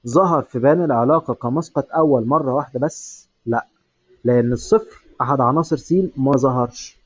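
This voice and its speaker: A man with an Egyptian Arabic accent teaching a math lesson, speaking straight to the student and slowly stressing key words. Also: medium pitch, mellow, no room sound, muffled recording.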